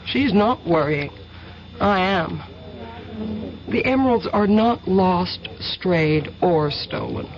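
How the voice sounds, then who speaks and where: A woman's voice: on the low side, expressive, slow. Refined worried young woman. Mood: earnest. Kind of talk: 1970s radio drama acting. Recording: dull lo-fi old radio broadcast.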